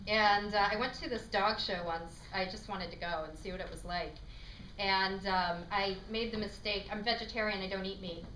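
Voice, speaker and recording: A woman's voice: mid-range voice, fairly even intonation, normal speed, bright, forceful tone. A woman improv performer telling a chatty comic monologue with many ums, on a small theater stage. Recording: echoey stage from far off, faint noise.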